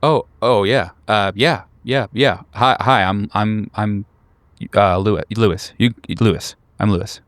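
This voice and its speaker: A man with a lowish, slightly bright voice, recorded with no room sound, speaks a little slowly while voicing a painfully awkward young recluse in his twenties in a tabletop horror game. Flustered, the character stammers, repeats himself and apologizes.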